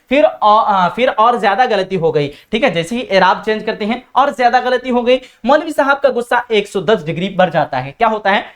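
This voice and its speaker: A woman teaching a literature lesson. She explains the text line by line, asks the class questions and answers them herself. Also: medium pitch. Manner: explains words by repeating the text slowly. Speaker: Urdu teacher.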